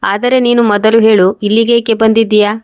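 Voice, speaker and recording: A woman's voice: a little high, level tone, a little fast, a little mellow, no echo, clean studio sound, close to an everyday voice. A woman reading the lines of a cold, scornful young sister-in-law in a storybook tale, curt and accusing.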